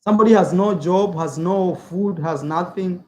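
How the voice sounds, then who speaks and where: Earnest high-voiced man from Africa. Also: moderate pace. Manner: earnest, repeats phrases, many filler words. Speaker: YouTuber. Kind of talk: casual opinion vlog, reading viewer comments.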